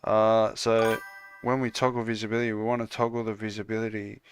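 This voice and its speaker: Easygoing Australian male streamer, crisp tone, thinks aloud while coding and chats with viewers. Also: lowish voice, fairly quick, no echo. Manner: relaxed, lots of "uh" fillers, calls viewers "mate". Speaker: game developer livestreamer. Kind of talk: casual livestream chat while coding.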